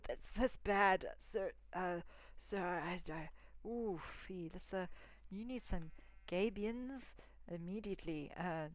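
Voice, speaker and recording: A young woman chatting casually as she plays a video game, often dropping into whispered asides. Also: fairly low pitch. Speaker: gaming streamer. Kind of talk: casual gameplay commentary.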